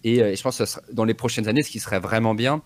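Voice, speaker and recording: A man's voice: on the low side, rapid-fire. A man giving casual analysis as a guest, thinking aloud hesitantly and building his point step by step. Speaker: guest commentator.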